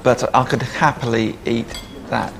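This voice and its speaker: A man's voice: mid-range voice, steady tone, unhurried, creaky, noisy background. A man tasting a dish on a cooking show, giving his verdict hesitantly with stumbles. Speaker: taster guest. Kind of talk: casual chat.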